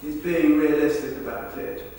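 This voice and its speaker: He earnestly speaks the real testimonies of people describing a football club's celebrity visit, performed as verbatim monologues in rehearsal. The voice is high-leaning yet dark in tone, lightly acted, at normal speed; a distant mic in the big reverberant room catches echo and faint noise.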